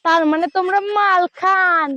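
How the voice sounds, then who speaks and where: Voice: extremely high pitch, fairly even intonation, moderate pace, sharp tone. A performer playing a scolding, mocking village busybody with a North Bengal accent in a comedy skit. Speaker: comic actor. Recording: dull lo-fi sound, crowd noise.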